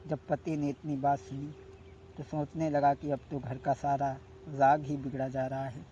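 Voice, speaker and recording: A man with a rural north Indian accent telling a folk tale in drawn-out singing and spoken narration, recorded on old worn tape. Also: medium pitch, monotone, warm tone. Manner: long drawn-out sung lines, plain spoken narration between. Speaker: folk ballad singer and storyteller. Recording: muffled, noisy old worn cassette tape.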